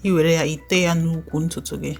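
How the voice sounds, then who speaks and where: A woman's voice: deep voice, level tone, fast talker, faint music behind. A woman with an Igbo Nigerian accent giving a casual, conversational voiceover for a step-by-step tutorial. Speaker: hair tutorial host.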